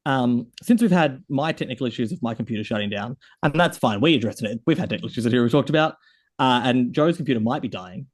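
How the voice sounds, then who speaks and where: Fast-talking man hosting a podcast. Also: medium pitch, expressive. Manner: chatty, rambling, lots of fillers. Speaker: podcast host. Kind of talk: casual podcast chat.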